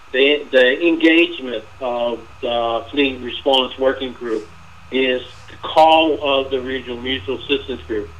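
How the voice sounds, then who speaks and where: A man presenting slides in a webinar, talking informally with fillers and repeats, his voice going hoarse. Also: mid-range voice, fairly bright tone, muffled recording. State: losing his voice.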